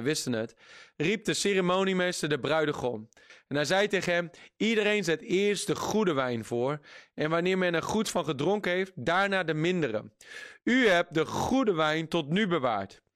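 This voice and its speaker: A man preaching a sermon in a lively, emphatic way, reading scripture aloud and laughing often at his own jokes. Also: fairly high pitch.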